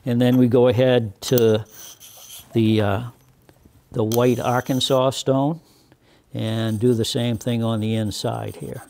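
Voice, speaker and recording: A man in his sixties teaching woodworking in a workshop, explaining each step deliberately with many fillers and restarts. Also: mid-range voice, little pitch movement, vocal fry, darkish tone. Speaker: woodworking instructor. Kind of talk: hands-on demonstration.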